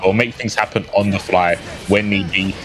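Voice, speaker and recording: A man's voice: low-pitched, steady tone, moderate pace, fairly bright tone, faint music behind. A man co-commentating a live fighting game with playful, joking banter. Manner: playful banter, loose and laughing. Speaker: esports co-commentator.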